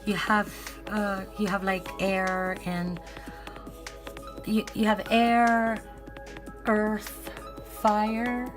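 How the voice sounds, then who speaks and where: Raspy, worn-out woman rambling over music. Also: mid-range voice, level tone, drawn-out words, pauses often. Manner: rambling, hesitant, self-correcting. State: worn out, with bronchitis. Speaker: art supply vlogger. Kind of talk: casual unboxing chat, ASMR.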